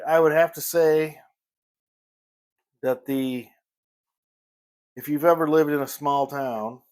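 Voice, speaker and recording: A man's voice: medium pitch, a little mellow. Rambling man in casual morning chat. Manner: rambling, pauses to search for words. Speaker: vlogger.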